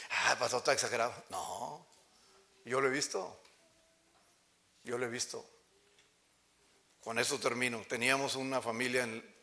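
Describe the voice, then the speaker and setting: A male pastor preaches with passion. His bright, forceful voice leaps to loud cries and drops to low murmurs. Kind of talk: sermon. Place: church sanctuary.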